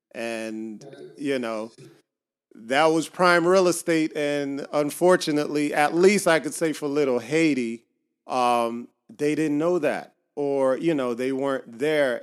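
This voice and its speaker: A man from Miami hosts a laid-back podcast interview over a video call in his home garage, using a clean, medium-pitched voice. He hesitates a lot, with plenty of ums and restarts.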